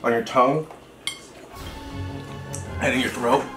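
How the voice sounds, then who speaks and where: A man's voice: medium pitch, fairly even intonation, slow. A young man chatting casually and exclaiming as he eats, his mouth burning from spicy food. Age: young adult. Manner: exclaiming, reacting while eating. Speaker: food challenge host. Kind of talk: casual chat. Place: small cluttered room indoors. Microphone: camera across the table. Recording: echoey room, music behind.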